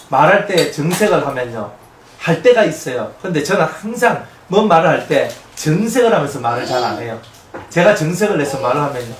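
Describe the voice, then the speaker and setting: A male pastor preaches in a lively, high-pitched voice that swings widely and keeps asking the congregation questions. He is picked up from a distance in an echoey church, with a faint hiss behind him. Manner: animated, conversational, often laughing. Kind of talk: expository sermon. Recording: echoey room, mic at a distance, faint noise.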